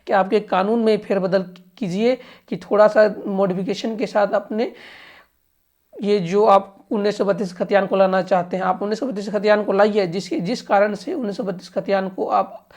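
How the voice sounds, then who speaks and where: A woman news commentator with a medium-pitched, darkish voice speaks in a steady tone at a moderate pace. She gives informal political commentary and explanation, addressing the government directly, emphatic and often restating her points.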